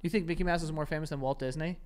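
A man's voice: on the high side, steady tone, racing, clear, resonant tone. A young man co-hosting a podcast, sardonic and self-deprecating in casual banter, laughing often. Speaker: podcast co-host.

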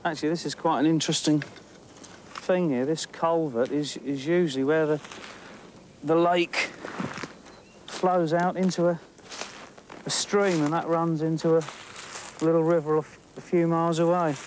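Talking to camera outdoors, this middle-aged English fishing presenter keeps up an eager, chatty commentary on nature as he fishes along a lake bank, occasionally restarting his sentences. The voice is fairly high and steady at a normal speed, with a faint hiss or hum.

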